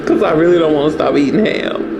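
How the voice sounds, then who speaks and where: A man's voice: fairly high pitch, fast talker, gravelly. A man with a New Orleans accent giving casual, blunt reaction commentary in colloquial, disbelieving exclamations. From New Orleans, United States. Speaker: reaction video host. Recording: music playing behind the voice.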